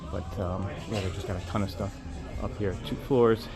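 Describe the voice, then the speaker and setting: A man's voice: deep voice, fairly even intonation, moderate pace, music in the background. A man narrating a casual walk-and-talk vlog in an informal, chatty way, speaking to his viewers. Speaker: vlogger. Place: out and about in busy city streets and venues. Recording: noisy urban ambience with traffic.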